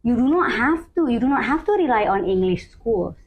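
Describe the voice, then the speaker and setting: A woman's voice: fairly high pitch, very animated, moderate pace, a little mellow, husky. A woman with a Sundanese accent, an English teacher guest explaining things in an earnest, teacherly way during a conversational interview. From West Java, Indonesia.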